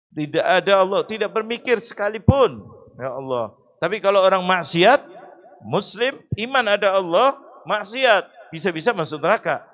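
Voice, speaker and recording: A man preaching a sermon in a mosque. He asks his own rhetorical questions, chants Arabic verses and prayers, and rises to loud emphatic cries. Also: fairly high pitch. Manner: rhetorical questions answered himself.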